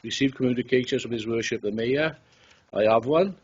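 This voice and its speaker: Formal Welsh mayor chairing. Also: male voice, mid-range voice, brisk, darkish tone, breathy edge. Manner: brief, formal. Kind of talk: chairing a council meeting. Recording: distant dull chamber mic.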